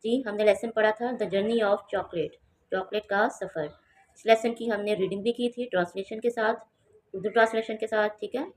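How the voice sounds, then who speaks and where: A woman teaching a children's lesson at home, reading English sentences slowly and then explaining them in Urdu. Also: medium pitch, steady tone.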